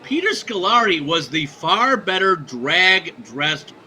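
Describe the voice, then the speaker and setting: A man's voice: high voice, big pitch swings, takes it slowly, bright, forceful tone, slight background noise, rough recording. A man hosting a radio show, chatting casually and introducing songs, rambling with lots of fillers and swearing, and he has the hiccups.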